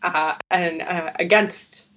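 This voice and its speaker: A woman's voice: fairly low pitch, fairly even intonation, takes it slowly, a bit bright, a little hiss or hum. A woman speaking on a video call as a panel guest, her audio glitching and cutting out, talking hesitantly with many fillers. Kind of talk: online panel discussion.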